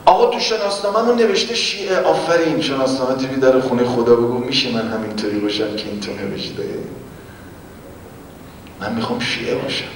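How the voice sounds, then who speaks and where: A man preaching and retelling a religious story, swinging from loud exclamations to hushed whispers. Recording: echoey hall, distant mic, faint rumble.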